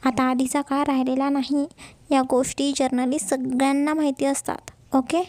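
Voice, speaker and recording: A woman's voice: high-pitched, little pitch movement, normal speed, darkish tone, dry recording, lightly acted. Woman voicing a firm young husband. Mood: reassuring. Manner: firm, scolding then tender. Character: stern caring young husband.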